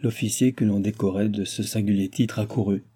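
A male audiobook narrator with a low, husky voice and a very dark, mellow tone. He reads a classic novel in a measured, literary way, unhurried and even.

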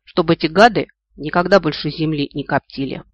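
A man voicing a spiteful old male dragon ghost with a creaky, snide voice, in an audiobook. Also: a little high, fairly quick, no echo, dull audio, close to an everyday voice. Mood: snide, furious.

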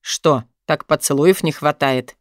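A woman voicing a gruff, possessive young man who talks in a low, husky murmur in an audiobook. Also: a little slow, dry recording, clean studio sound. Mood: brooding. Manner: pressing, intense, murmured. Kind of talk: audiobook narration.

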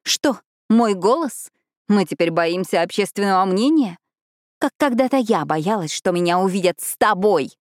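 A woman's voice: on the low side, fairly quick, darkish tone, dry recording, studio quality, close to an everyday voice. A woman voicing an angry, sarcastic young female captive in an audiobook, speaking sharply and raising her voice. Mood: furious.

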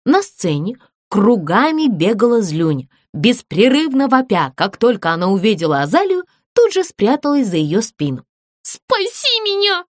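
A woman's voice: mid-range voice, normal speed, no echo. Woman storyteller for children's audiobook, very dry close sound. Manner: expressive, storytelling lilt.

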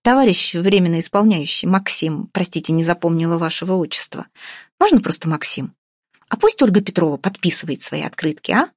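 A woman's voice: fairly low pitch, lively intonation, fairly quick, dry recording, studio quality. A woman reading an audiobook, voicing a pushy, sarcastic young woman who argues with everyone. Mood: wheedling. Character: brash feisty young woman, gingerbread seller.

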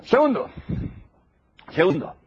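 A man's voice: sits high, sing-song, slow pace, a little hiss or hum. An older man giving a religious lecture, emphatic and repeating his key phrases. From Spain. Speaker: preacher. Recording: dull lo-fi old tape recording.

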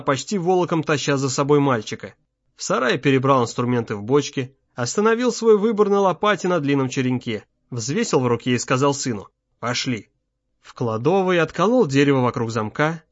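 A man narrating an audiobook in a measured, tense storytelling manner. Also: on the high side, no room sound. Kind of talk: scripted narration. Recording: slightly muffled, dry.

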